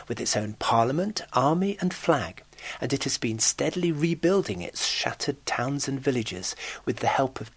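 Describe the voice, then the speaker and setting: A middle-aged man from Britain narrates a scripted radio report as a foreign correspondent. His voice is breathy and a little husky, with a lively, swooping melody. He tells the story wryly, as if sharing an aside. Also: medium pitch.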